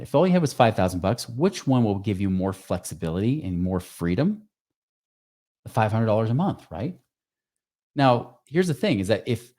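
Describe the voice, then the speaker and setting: A man giving a casual, energetic money-coaching talk, emphatic and full of rhetorical questions. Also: medium pitch. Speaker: financial coach. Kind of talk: casual teaching talk to camera.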